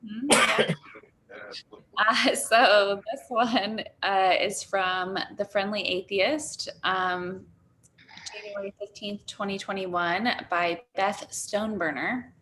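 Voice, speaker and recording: A woman's voice: mid-range voice, fairly even intonation, slow pace, bright, forceful tone, slight background noise. A woman co-hosting a talk show, reading a news article aloud for listeners. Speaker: co-host.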